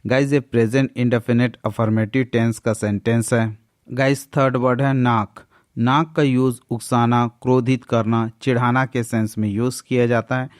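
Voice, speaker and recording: A man with an Indian accent, slowly reading a scripted English vocabulary lesson in a mix of English and Hindi. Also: medium pitch, flat delivery, dry recording, studio quality. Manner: slow, deliberate reading pace. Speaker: English teacher.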